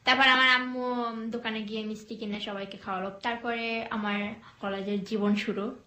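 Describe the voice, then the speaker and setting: Soft-spoken young woman, hesitant, echoey room. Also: fairly high pitch, flat delivery. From Bangladesh. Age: young adult. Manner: soft, hesitant, with many pauses and fillers. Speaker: guest telling her life story. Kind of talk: conversational storytelling interview.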